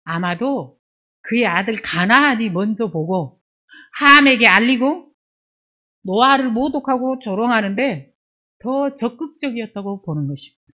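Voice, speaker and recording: A woman pastor delivering an expository sermon with a fairly high, bright voice and very lively pitch. She reads scripture in a raised, emphatic voice, then drops to a lower conversational tone to explain, asking the congregation rhetorical questions. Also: a little slow, highs cut off.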